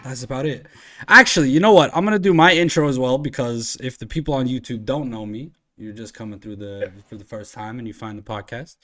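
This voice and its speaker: A man's voice: mid-range voice, brisk, sharp tone. A man hosts a loose podcast in his own easygoing voice, wandering from thought to thought. He pads his talk with ums and uhs and drops casual swearing as he goes. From Iceland. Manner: rambling, swearing, filler-heavy. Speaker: podcast host and streamer.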